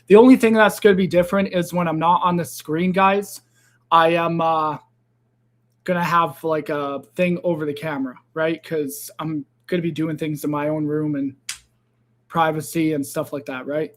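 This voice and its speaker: A man's voice: a little high, fairly even intonation, moderate pace. A man hosting a crypto live trading stream, talking loosely and chatting straight to his viewers. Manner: chatty, loose, addresses viewers as guys and fam. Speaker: crypto livestream host.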